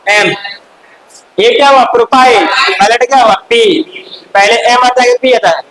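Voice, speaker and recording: A male chemistry teacher in a classroom, firing quick questions at students and scolding them in chatty asides. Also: extremely high pitch, a bit bright, rough recording. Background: faint hiss.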